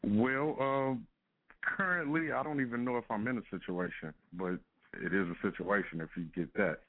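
A male music artist calls in by phone as a guest, chatting casually in a fairly low voice at a moderate pace. He's easygoing, laughs often and uses fillers like "you know what I'm saying," with the audio coming over a phone line.

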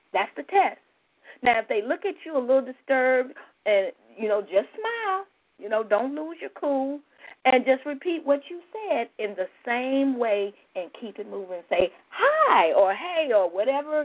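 A woman giving an informal spiritual lesson, repeating her points emphatically with frequent "you know" asides. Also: fairly high pitch. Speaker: spiritual teacher. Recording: tinny phone-like sound.

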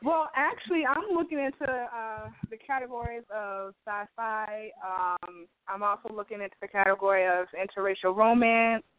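A woman's voice: mid-range voice, moderate pace, hardly any pauses. Casting: an agreeable woman on a phone-like line with faint hiss. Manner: agreeable, short replies, hesitant fillers. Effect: heard over a phone line. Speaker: writer on a call. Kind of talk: casual call. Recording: tinny call line with faint noise.

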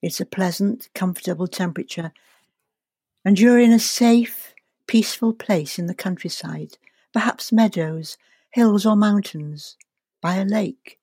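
A woman guides a relaxation and visualization at a very unhurried pace. She is calm and soothing, placing each phrase deliberately and leaving space after it. The sound is close and dry. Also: mid-range voice, no echo. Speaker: guest leading a guided meditation.

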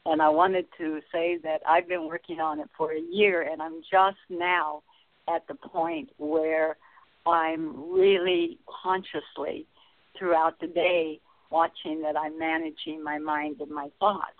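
A woman calling in to a radio show. Her voice comes through a distant, tinny phone line, as if from inside a tin can, and she talks haltingly, searching for words. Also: low voice, dry recording. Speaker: caller. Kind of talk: call-in radio talk.

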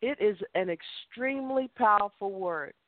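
A woman's voice: medium pitch, lively intonation, normal speed, dry recording, narrow, tinny audio. A woman co-hosting a casual women's chat show, talking in an emphatic, sassy way.

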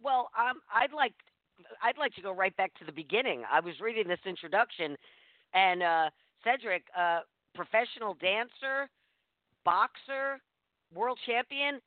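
A man with a fairly high voice hosts an interview programme, introducing and questioning guests. The audio is thin and phone-like, very dry, with little sense of a room. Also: expressive, unhurried, no echo. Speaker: radio show host. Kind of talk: scripted introduction and casual interviewing.

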